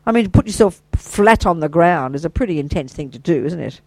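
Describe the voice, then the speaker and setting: An older Buddhist teacher giving an informal, chatty dharma talk to a small group, enthusiastic and quick with praise and asides. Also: medium pitch, lively intonation, a little mellow, dry recording, low-quality recording.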